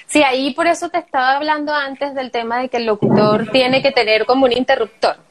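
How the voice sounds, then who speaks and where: A Venezuelan woman, a voice actor and announcer, chats casually as an interview guest, acting out her examples and laughing often in a lively way. Her voice is high-pitched and brisk, and the audio is poor.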